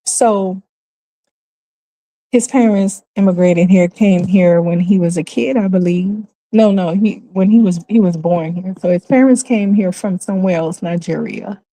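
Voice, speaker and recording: Woman, slow emphatic commentary, warm low-key tone, dry close sound. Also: dry recording, poor audio. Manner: deliberate, emphatic, repeats phrases for emphasis. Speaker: commentary vlogger. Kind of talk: casual monologue commentary.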